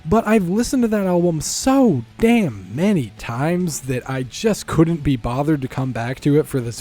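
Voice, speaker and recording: A man narrates a music review from a script, wry and opinionated. His voice sits a bit high for a man and swings around a lot. The tone is warm and dark, and the sound is dry and close.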